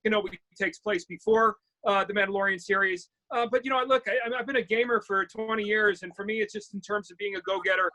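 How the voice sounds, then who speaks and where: Fast, bright high-voiced eager man. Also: poor audio. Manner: eager, upbeat. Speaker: actor, interview guest. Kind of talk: casual chat.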